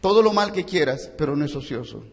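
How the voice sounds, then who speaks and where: A male pastor with a Peruvian accent preaching a sermon, swinging from hushed, slow pleading to loud, high-pitched retelling. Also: lively intonation, long reverb tail. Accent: Peruvian Spanish. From Peru.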